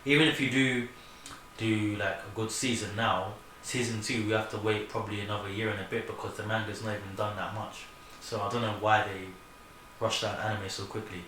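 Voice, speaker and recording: Man, London accent, lowish bright voice, very echoey room, faint hiss. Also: little pitch movement, fairly quick. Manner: easygoing, hesitant, lots of fillers. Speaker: podcast co-host. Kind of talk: casual chat.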